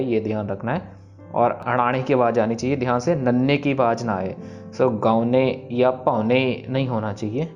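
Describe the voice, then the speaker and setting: A man teaching scripture pronunciation, explaining briskly and then reciting each verse slowly and evenly. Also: mid-range voice. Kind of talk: pronunciation lesson with slow recitation. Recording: slightly dull recording, soft background music.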